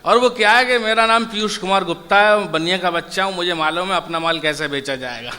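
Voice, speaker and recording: High bright-voiced man telling jokes. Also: brisk. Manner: chatty, acts out characters in jokes. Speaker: comic poet performer. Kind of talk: stand-up storytelling at a poetry gathering. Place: stage in a large hall. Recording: echoey hall, faint noise.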